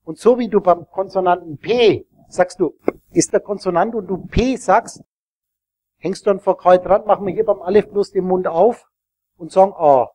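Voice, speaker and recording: High-voiced man lecturing a live audience. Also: moderate pace, dark tone, dry recording. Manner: rambling, explanatory, asks the audience questions. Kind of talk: live teaching talk to an audience.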